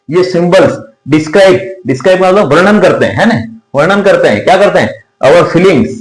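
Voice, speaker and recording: A male teacher giving a classroom lecture at a board, explaining slowly, repeating points and asking his students questions. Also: fairly high pitch, darkish tone, echoey room, rough recording.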